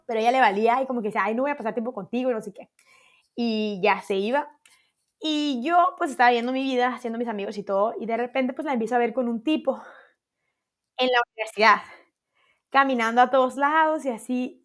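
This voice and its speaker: A young woman chatting on a podcast, her voice sitting a little high as she tells a story. She acts out what people said and laughs along the way. She keeps it casual and quick. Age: young adult. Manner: animated, laughing, acting out her own quotes. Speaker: podcast co-host.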